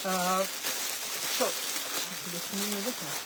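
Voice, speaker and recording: A Bengali-accented woman enthusiastically shows sarees for sale from her home boutique in a live sales showcase, mixing English phrases in and calling viewers sisters. Her voice is medium-pitched, fairly even, and a little slow, with heavy background noise.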